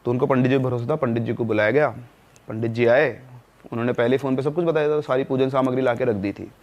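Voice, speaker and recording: A man's voice: medium pitch, fast, darkish tone, dull audio. A man, a podcast guest telling a horror story and briefly acting out the family members' lines.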